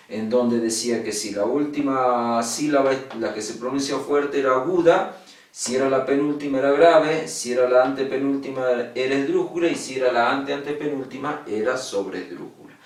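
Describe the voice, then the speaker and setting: A man's voice: medium pitch, normal speed, recorded from a distance. A male secondary school teacher, patiently giving an online lesson on poetic meter, repeating key words and checking that his students follow. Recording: echoey room, voice from off-mic.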